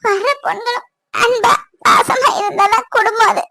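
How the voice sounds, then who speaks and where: A woman's voice: very high voice, steady tone, normal speed, gravelly, very noisy. A woman voicing a tearful young woman in a cartoon, talking through sobs. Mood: tearful, grateful. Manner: sobbing, emotional pleading. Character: tearful young woman, grateful sister-in-law. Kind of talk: cartoon voice acting.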